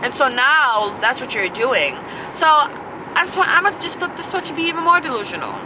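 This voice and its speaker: A woman with a fairly high voice hosts a loose, slangy motivational podcast, laughing between her thoughts. The sound is muffled and a little dull. Traffic noise from a street runs clearly behind her. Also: lively intonation, normal speed. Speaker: podcast host. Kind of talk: casual motivational monologue.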